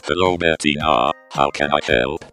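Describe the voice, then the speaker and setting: A man's voice: extremely low pitch, moderate pace, bright, forceful tone. A man voicing a courteous, formal household robot with a robotic voice effect and faint music behind. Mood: polite. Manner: stiff, formal, courteous phrasing. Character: polite, helpful, formal male robot butler.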